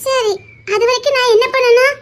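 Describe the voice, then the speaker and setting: A high-voiced performer plays a naive young woman who asks simple questions in a Tirunelveli Tamil accent. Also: steady tone, fairly quick, a bit bright. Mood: innocent. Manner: innocent questioning.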